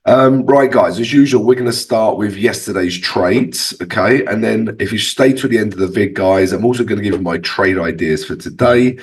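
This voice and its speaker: Deep voiced guy with a sore swollen throat doing a chatty trading walkthrough, bit far from the mic. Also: normal speed, hardly any pauses. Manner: conversational, addresses viewers as guys, frequent checking tags like okay and right. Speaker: trading channel host and analyst. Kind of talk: casual trading tutorial commentary over charts.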